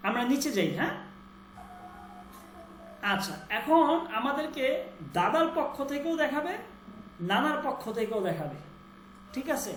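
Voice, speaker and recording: Woman, language teacher, repetitive drilling, quizzing students, slightly high pitch, roomy echo. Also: a little hiss or hum. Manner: drills words by repeating them slowly, quizzes students. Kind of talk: online class lesson.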